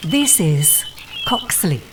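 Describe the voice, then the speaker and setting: A woman's voice: deep voice, very animated, slow pace, noisy background, exaggerated voice. A woman's recorded voice as a train announcer, with separately recorded phrases spliced together. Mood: neutral. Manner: formal, clipped announcement phrasing. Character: polite female train announcer. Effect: spliced-together recorded words.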